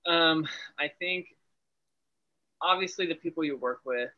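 Speaking unhurriedly in a slightly high voice, a young adult man who is an Air Force family medicine resident gives a casual video-call interview. He stays upbeat and laughs easily, though the call audio is dull.

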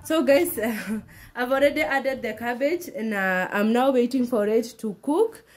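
A woman's voice: fairly high pitch, measured pace, low-quality recording. A Kenyan woman with a Kenyan accent chatting casually to viewers as she cooks in her home kitchen, mixing in Swahili phrases. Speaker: cooking vlogger. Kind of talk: casual cooking demonstration. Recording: loud music under voice.

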